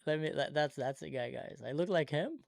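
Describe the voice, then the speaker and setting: Speaking a little high and a little fast with vocal fry, this livestream host coolly probes strangers on a video-chat debate stream with sarcastic, pointed questions. He was born in Israel, speaks Arabic as his first language, and the studio-quality sound has no room tone.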